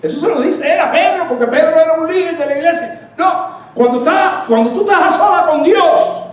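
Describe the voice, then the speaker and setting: A man with a high voice preaches a sermon in a church and keeps putting questions to his congregation. The hall rings with heavy echo, and he sounds a little far from the mic. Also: lively intonation, a little fast. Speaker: pastor.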